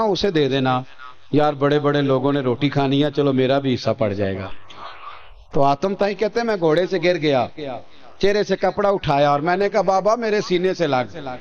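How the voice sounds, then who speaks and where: A male preacher with a Pakistani Urdu accent telling stories in a Friday sermon, calling on the congregation to pay attention and acting out voices. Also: muffled recording. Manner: asks the crowd for attention and responses; acts out story voices in shifting pitch.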